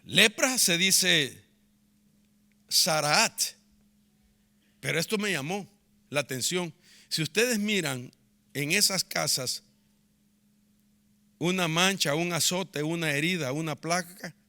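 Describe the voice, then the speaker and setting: A man preaching a sermon as pastor, with sharp emphasis, pushing his voice up and dropping it low for effect, and getting the congregation to repeat words after him. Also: lively intonation, slow pace, long pauses.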